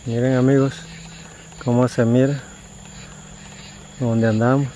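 A man's voice: medium pitch, flat delivery, slow pace, dark tone. A man in his thirties chatting casually to viewers on a night exploration vlog, holding the camera while walking outdoors. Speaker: vlogger. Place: outdoors at night in a grassy area. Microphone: handheld camera at arm's length. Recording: outdoor recording with faint background noise, insects. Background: crickets and insects.

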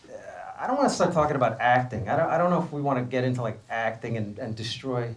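A middle-aged man hosting a casual onstage interview, halting and stammering, laughing often, speaking into a stand mic in a small hall with an audience. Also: mid-range voice, expressive. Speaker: host.

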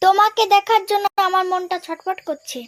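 A woman's voice: very high voice, steady tone, brisk, no room sound. A woman voicing a sweet-talking, scheming young girlfriend who coaxes money from her lover, in a dubbed comedy skit. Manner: coaxing, sugary.

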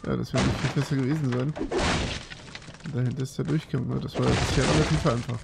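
Ein Mann, der beim Spielen locker vor sich hin kommentiert und mit sich selbst redet. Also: male voice, mid-range voice, fast, gravelly, heavy background noise. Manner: relaxed, mumbling to himself while playing. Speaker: let's play host. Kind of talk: casual game commentary.

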